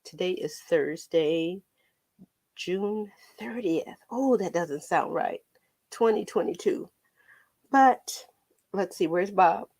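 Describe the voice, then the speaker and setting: A woman's voice: lowish voice, lively intonation, takes it slowly, darkish tone. An American woman with a tinny, slightly metallic voice chats casually on a painting livestream, rambling playfully to her viewers as host and art teacher.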